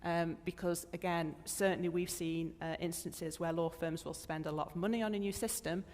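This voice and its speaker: A woman with a lowish voice speaks from experience on a panel, explaining her points steadily. A long hall reverb trails her words. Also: fairly even intonation, normal speed, darkish tone. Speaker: panelist, legal technology adviser. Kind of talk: panel discussion.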